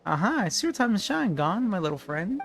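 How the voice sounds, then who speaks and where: A man's voice: sits high, big pitch swings, brisk, vocal fry, a bit bright, soft background music, heavily acted. A man voicing a fussy, pompous male photographer with a theatrical, flowery manner, reading game lines aloud. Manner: theatrical, flowery, sputtering insults.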